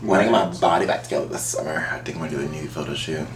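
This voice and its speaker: A man's voice: rumbling low, rapid-fire, distant mic. A man co-hosting a casual chat podcast, wry and laid-back, swearing casually. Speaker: podcast co-host. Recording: roomy, off-mic.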